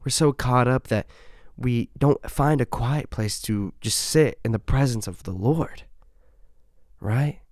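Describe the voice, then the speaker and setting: A man's voice: medium pitch, slow pace, dry recording, studio quality. A young man hosting a faith podcast, telling a personal story in an earnest, conversational way, often checking in with a "right?". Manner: earnest, conversational, frequent "right?" tags and soft laughs. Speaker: podcast host. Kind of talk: faith podcast testimony and encouragement.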